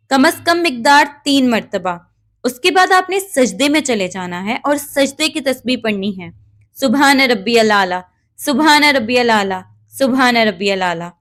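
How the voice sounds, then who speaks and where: A woman giving calm, measured step-by-step prayer instruction and reciting Arabic prayers along the way. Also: high voice. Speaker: religious instructor.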